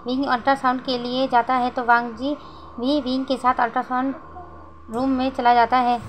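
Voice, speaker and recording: A woman narrating a fan fiction story in a steady, even retelling. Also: high voice, normal speed, slight background noise, low-quality recording.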